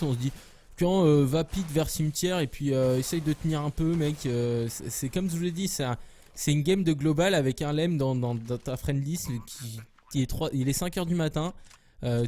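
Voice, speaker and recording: A man casting a live esports match alone, rambling and joking between plays, with quick bursts of excitement at big moments. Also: mid-range voice. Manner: jokey, rambling, self-mocking asides. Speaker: esports caster. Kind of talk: solo live game commentary.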